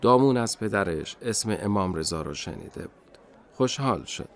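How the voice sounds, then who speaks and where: A man narrating a children's radio storybook slowly and expressively. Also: on the low side, animated.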